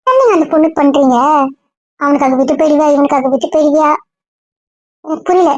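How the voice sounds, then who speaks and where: A woman's voice: high voice, darkish tone, dry recording, muffled recording, lightly acted. A woman playing a blunt, scolding young friend. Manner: scolding, rapid, rhetorical questions. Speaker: outspoken friend. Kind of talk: Tamil audio drama acting.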